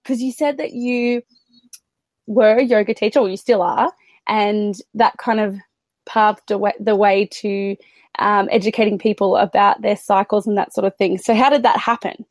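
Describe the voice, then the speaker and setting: A woman's voice: mid-range voice, steady tone, normal speed, a little mellow, dry recording. A woman hosting a podcast interview, talking in an effusive, enthusiastic way. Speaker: podcast host. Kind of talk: conversational interview.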